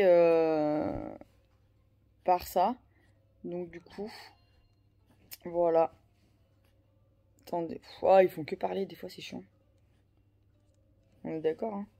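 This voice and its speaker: A woman's voice: fairly low pitch, mellow. A woman in her thirties chatting casually in a vlog, rambling with many fillers and restarts. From France. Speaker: vlogger.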